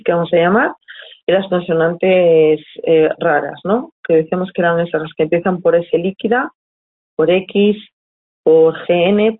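Her voice is on the low side and slightly rough: a Spanish woman from Spain teaching Italian in a live online lesson. She explains things patiently and reads student questions from the chat aloud, with the audio sounding tinny, like a phone.

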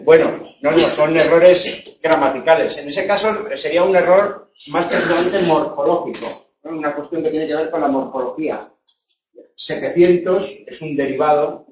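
A male Spanish teacher with a fairly high, slightly mellow voice speaks at a measured pace during a live online grammar lesson. He tosses in jokey asides and often checks in with "eh?" and "no?". The sound is echoey, distant and dull, like a room recording.

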